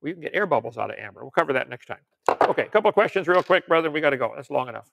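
A man's voice: fairly high pitch, animated, racing, gravelly, a bit bright. An older man giving an informal teaching sermon, reading out articles and viewer questions with folksy joking asides. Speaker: preacher and creationist lecturer.

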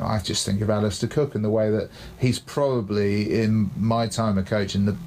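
A man's voice: fairly low pitch, vocal fry, darkish tone, a little hiss or hum. A man who coaches cricket, explaining his ideas thoughtfully in casual podcast chat, often adding tag questions.

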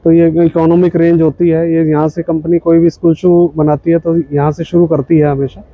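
Here a shoe company's representative, a man in his thirties, patiently explains his footwear at an indoor trade expo stall, full of fillers and a respectful "ji, sir." He speaks at a moderate pace in a higher voice with little pitch movement, and the dry recording sounds narrow and tinny.

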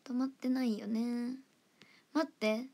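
A young woman with a fairly high voice chats on her own livestream from an indoor room. She reads fan comments in an affectionate, giggly way and now and then sinks into a soft whisper. The sound comes from a simple phone or webcam mic. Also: fairly even intonation, slow, vocal fry. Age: young adult. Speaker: idol livestream host. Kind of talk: casual livestream chat reading fan comments.

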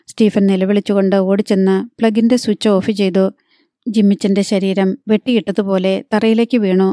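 Woman, audiobook narrator, measured storytelling, mellow tone, dry close sound. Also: mid-range voice, no room sound. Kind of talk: scripted novel narration.

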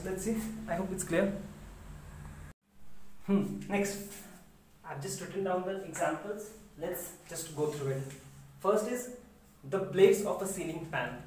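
A woman's voice: fairly low pitch, a little mellow, far from the mic, a little hiss or hum. Woman teacher in an echoey room. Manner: explains step by step, checks understanding with questions. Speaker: physics teacher. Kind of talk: recorded online lecture.

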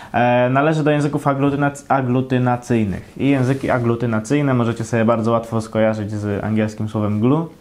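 A man's voice: mid-range voice, darkish tone. A young man hosting, explaining grammar in a chatty, lightly joking way. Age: young adult. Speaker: host. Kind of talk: casual explainer. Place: small indoor room, flag backdrop.

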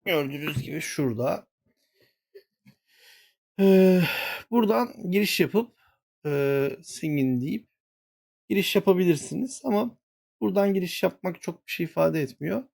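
A man's voice: sits high, animated, moderate pace, gravelly, long pauses, darkish tone. A man hosting a gaming channel, walking viewers through a screen-share tutorial and muttering to himself when he gets flustered.

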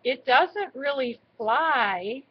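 A woman's voice: high-pitched, lively intonation, extremely slow, slightly rough, heavily acted. Lady doing a nervous little boy mouse, careful, kinda muffled recording. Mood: hesitant. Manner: careful, hesitant. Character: shy, cautious young male library mouse.

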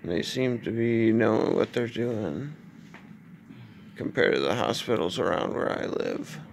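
A young man, groggy from anesthetic, talking in a halting, drowsy way in a casual video diary. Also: on the low side, lively intonation, gravelly, a little hiss or hum. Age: young adult. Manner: slow, halting, drowsy delivery. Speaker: vlogger. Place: hospital room, lying in bed. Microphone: phone at arm's length.

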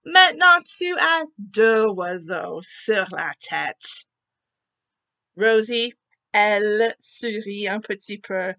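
A woman teacher reading a picture book aloud to children, slowly and expressively, asking them questions. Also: medium pitch, expressive, bright, forceful tone, highs cut off.

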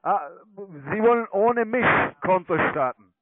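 This high-voiced man is expressive and takes his time, with no echo around him. Working as a telephone sales agent for online trading accounts, he pitches in halting, broken phrasing, since German is not his native language. The audio comes over a thin, narrowband phone connection.

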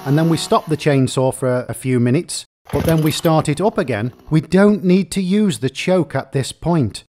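A man's voice: on the high side, a little mellow. A man giving a methodical, step-by-step repair lesson in plain explaining narration. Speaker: repair technician explaining chainsaw faults. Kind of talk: instructional narration.

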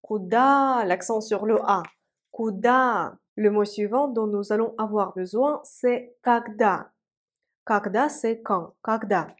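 A woman teaching a language lesson, speaking slowly and carefully and repeating example words. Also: medium pitch. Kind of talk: Russian lesson for French speakers.

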